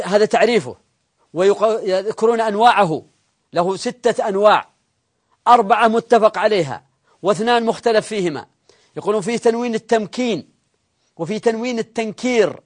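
Guy teaching grammar class, kinda high voice, explains slow step by step, asks the students stuff. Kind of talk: live classroom grammar lesson.

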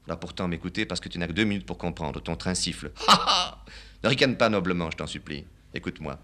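A young musician in a play reading, calm and resolute, read by a man. He speaks low and subdued, in a deep voice with a bright, crisp edge. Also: quick pace. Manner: calm, low-key, firm.

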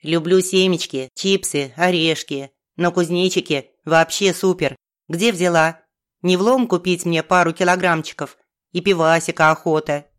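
A woman's voice: fairly low pitch, fairly even intonation, moderate pace, lightly acted. Woman reading as a lazy slangy grown-up son, childish, audiobook. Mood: greedy. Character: grown son, a lazy loafer turning panicky.

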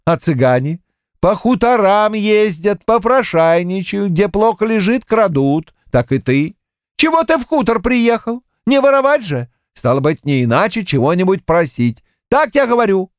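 Man playing a needling village accountant, high pitched, sing-song swings, dry studio sound. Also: sing-song, moderate pace, clean tone, no room sound. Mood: teasing. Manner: teasing, needling.

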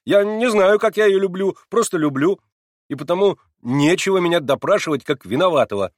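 A man reading a novel aloud and voicing an excitable young man who pleads and defends himself in a raised, plaintive voice. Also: a little high, fairly quick, no room sound, studio quality, pitched above the performer's own voice. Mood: pleading, agitated. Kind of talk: audiobook character reading.

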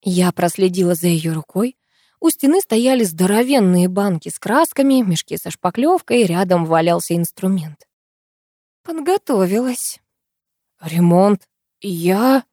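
A young woman narrating a first-person audiobook in a lively, playful way that turns bright and exclaiming in her heroine's lines. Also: fairly low pitch, normal speed, no echo, clean studio sound.

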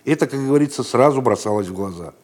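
A man reading a children's story aloud in a gentle, playful storytelling manner, raising his voice for the shouted lines. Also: mid-range voice, animated, fast talker. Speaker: narrator.

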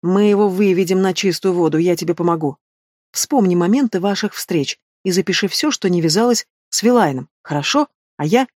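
A woman voicing a lively, hurricane-like young female student who chatters rapidly and excitably in a storybook reading. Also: fairly low pitch, no echo, clean studio sound, close to an everyday voice. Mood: determined.

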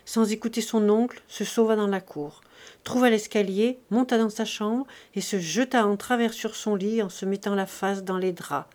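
A woman reading a classic novel aloud as an audiobook, in a steady, measured way. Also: mid-range voice. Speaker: audiobook reader. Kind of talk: scripted narration of a classic novel.

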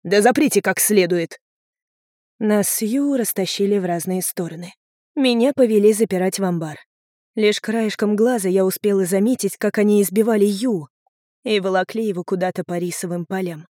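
Calm woman narrating an audiobook, dry. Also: medium pitch, fairly quick, dry recording. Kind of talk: first-person audiobook narration.

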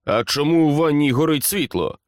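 A man's voice: a little high, animated, moderate pace, no echo, studio quality, voice pushed up, natural voice. A man playing a stern, menacing general. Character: stern middle-aged male general, coldly menacing.

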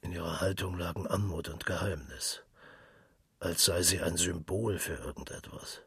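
A man narrating a literary story for radio in a calm, measured way. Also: low-pitched, vocal fry, husky, no echo.

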